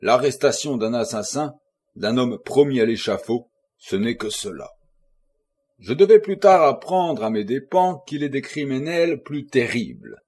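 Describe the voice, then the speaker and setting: A man narrates a classic novel in the first person, measured and expressive. His voice is husky, at an ordinary pitch for a man. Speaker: audiobook reader.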